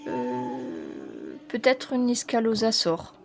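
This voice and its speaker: A woman running a tabletop role-playing game as game master, reading out a long list with many pauses and fillers, stumbling over foreign names. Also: medium pitch, huge pitch swings, vocal fry, slight background noise. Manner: reads foreign names haltingly.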